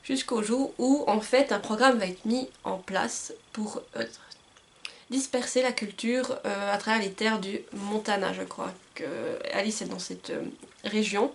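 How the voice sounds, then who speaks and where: A woman's voice: medium pitch, fairly even intonation, measured pace, creaky. A young woman giving casual book recommendations to camera, chatty and hesitant with frequent fillers and self-corrections. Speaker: book vlogger. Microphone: camcorder microphone.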